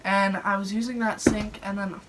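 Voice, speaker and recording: Speaking at a moderate pace with a level tone, a young adult woman with a medium-pitched voice rambles chattily through personal stories, leaning on the word "like" a lot. She's the storyteller host, recording on a phone propped on a dresser, with clear background noise audible.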